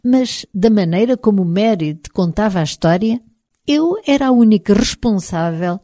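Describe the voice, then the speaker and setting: A woman with a European Portuguese accent narrates a novel in the first person. Her voice sits a little low and sounds warm and mellow. She reads in a measured, expressive way, recorded dry with no room sound. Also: no room sound. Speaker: audiobook narrator.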